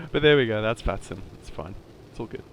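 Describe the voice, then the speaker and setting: A man's voice: on the low side, gravelly. A man giving casual, easygoing running commentary as a flight sim pilot, a little hesitant. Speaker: flight simulator streamer playing the pilot. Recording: loud engine hum behind voice.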